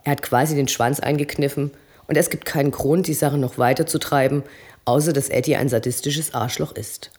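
A reader narrating a crime novel in an even, conversational manner. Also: medium pitch, brisk, slightly rough. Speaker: audiobook reader. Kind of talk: reading fiction aloud.

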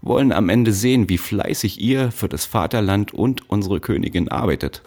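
A man voicing a brutal, bespectacled male factory overseer who shouts threats at child workers, in an audiobook. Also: sits low, big pitch swings, a little slow, slightly rough, full character voice. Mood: false sweetness. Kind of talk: audiobook narration.

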